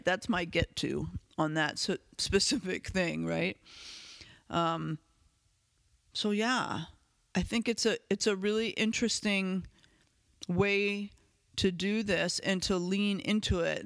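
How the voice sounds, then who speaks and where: High-voiced man musing in a dry room. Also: vocal fry, fairly bright tone, no room sound. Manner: candid, conversational, with casual swearing and fillers. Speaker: podcast host. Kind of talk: reflective self-help monologue.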